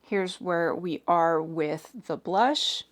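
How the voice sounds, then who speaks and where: A hoarse woman in her forties chatting casually as she does her makeup, hedging with "like" and "sort of". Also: on the low side, takes it slowly. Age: 40s. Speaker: makeup reviewer. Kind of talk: casual chat while doing makeup.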